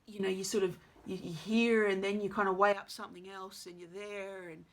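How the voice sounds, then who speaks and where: A woman actress talking to camera at home in a halting, musing way, full of fillers. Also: medium pitch, level tone. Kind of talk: reflective casual monologue.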